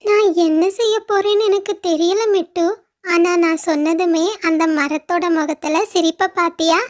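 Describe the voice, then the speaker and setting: A kind-hearted little sparrow, played by a woman in a very high, sweet voice. She talks gently and cares about her friends, in the tone of a children's cartoon. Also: fairly even intonation, moderate pace. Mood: friendly.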